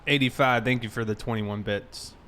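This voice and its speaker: With a bright, forceful voice of medium pitch and fairly even intonation, a man talks at a moderate pace during a livestream of a police roleplay game. He chats casually and welcomes his viewers amiably over distinct background noise.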